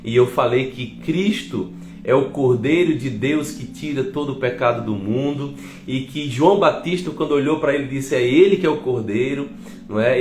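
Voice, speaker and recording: A middle-aged man, a pastor with a Brazilian Portuguese accent, telling his testimony as a sermon, often turning to the congregation. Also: medium pitch. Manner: lively storytelling, often addresses the congregation. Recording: echoey hall with faint music.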